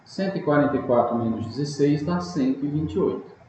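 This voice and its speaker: This recorded online math lesson features a man with a fairly high, darkish voice moving briskly through the steps. He stays patient and keeps checking in with his students, while the room audio sounds echoey, dull, and slightly noisy.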